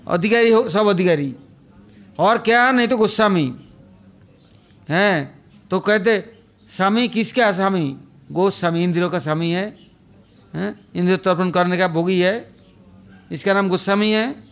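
Slow, high-voiced man preaching a sermon. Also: a bit bright. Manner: storytelling, frequent rhetorical "हैं?" tag questions. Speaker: religious teacher.

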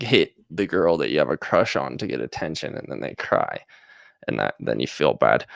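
Gravelly young man rambling casually. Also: very deep voice, dry recording, clean studio sound. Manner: rambling, sarcastic, many fillers. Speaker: social media creator. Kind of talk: casual vlog monologue.

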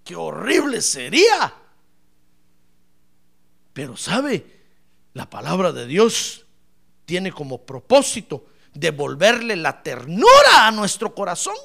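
Male pastor with a gravelly voice and a very lively pitch; playful sermon style that swings between shouting and soft asides. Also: takes it slowly, long pauses. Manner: animated, playful, asks the congregation questions; bursts into shouts then drops to soft asides.

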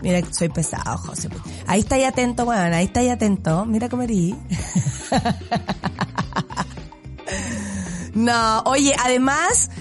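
A woman with a Chilean accent hosting a radio show, giving blunt, sarcastic commentary and laughing often. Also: a little high. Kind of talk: casual opinionated radio commentary.

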